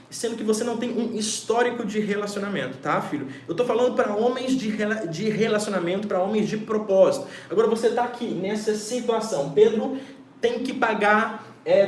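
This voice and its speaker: A man, a pastor teaching a Bible lesson in an emphatic preaching style, often checking in with his listeners and addressing them warmly as his children. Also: sits high, reverberant, slight background noise, poor audio. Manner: emphatic, keeps checking in with "ok?", calls listener "filho".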